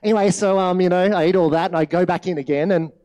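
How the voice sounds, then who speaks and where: High-voiced man preaching casually. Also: steady tone, quick pace, warm tone. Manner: chatty, storytelling, many fillers. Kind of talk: sermon with personal story.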